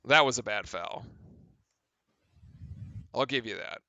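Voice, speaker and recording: A man doing excited live play-by-play for a fan stream, chatting with viewers and shouting on big plays. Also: medium pitch, takes it slowly, dry recording, muffled recording.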